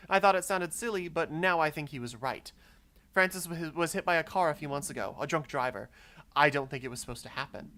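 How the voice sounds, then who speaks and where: A man's voice: on the high side, a little fast, pushed and bright. A man reading out a grieving widow's letter in a silly put-on voice. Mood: earnest pleading.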